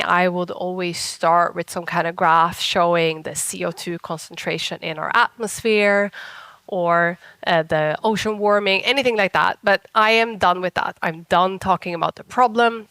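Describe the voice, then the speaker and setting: A woman with a Swedish accent gives an informal conference talk in a husky whiskey voice roughened by a cold, chatty and self-deprecating. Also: lowish voice, fairly bright tone, no echo. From Sweden. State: sick with a cold. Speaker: conference speaker, software engineer.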